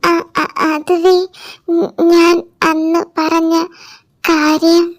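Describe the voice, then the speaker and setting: A woman's voice: extremely high pitch, monotone, very slow, voice pushed up, exaggerated voice. A woman putting on a cooing, clingy young girl. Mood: hesitant. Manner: sweet, cooing. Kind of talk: fan audio drama.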